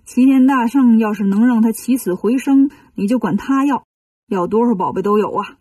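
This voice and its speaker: A woman voicing a stingy, grumpy male dragon king of a well, speaking low and muttering, for a children's story. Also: normal speed, mellow, husky, no echo, distant mic. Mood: grumbling.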